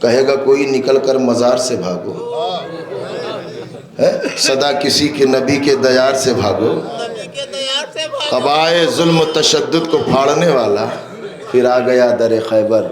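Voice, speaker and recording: A man from Uttar Pradesh, India, with an Indian Urdu accent, delivering a sermon at a gathering, swinging between ringing shouted recitation and quiet conversational asides to the listeners. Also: mid-range voice, pauses often, a crowd in the background. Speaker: Shia cleric delivering a majlis. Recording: echoey hall.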